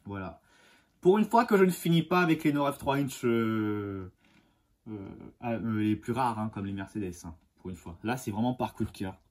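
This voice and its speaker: Husky, enthusiastic man collector. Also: fairly low pitch, lively intonation. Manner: enthusiastic and halting, with many fillers and restarts. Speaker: die-cast model car collector and channel host. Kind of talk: casual unboxing vlog.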